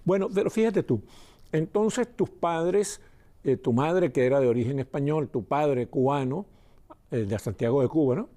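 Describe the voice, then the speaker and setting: A man hosting a television interview, introducing his guest and prompting her with lively questions. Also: a little high, moderate pace. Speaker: TV host.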